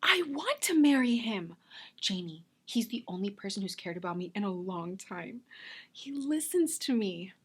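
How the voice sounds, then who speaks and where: A woman acting a self-taped drama scene as a wistful, defensive woman nearing thirty, speaking earnestly with emotional pauses. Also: mid-range voice, big pitch swings, slightly rough.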